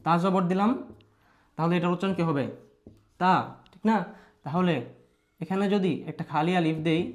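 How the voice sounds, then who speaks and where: A man with a Bangladeshi Bengali accent teaching a Quran recitation lesson, patiently repeating rules, asking his pupils questions and modelling long drawn-out sounds. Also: sits high, a little mellow.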